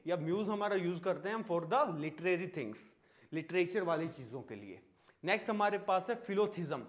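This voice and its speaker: A young man with an Indian English accent teaching vocabulary, mixing Hindi and English and asking questions he answers himself. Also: high-pitched. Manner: asks questions then answers them himself; mixes Hindi and English words. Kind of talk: online exam-prep lesson.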